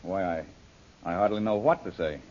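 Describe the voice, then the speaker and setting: An actor playing a skeptical, wry jungle adventurer in an old-time radio serial, speaking bluntly in folksy slang. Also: male voice, lowish voice, expressive, normal speed, a little mellow, lightly acted. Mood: taken aback. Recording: dull, lo-fi old radio recording.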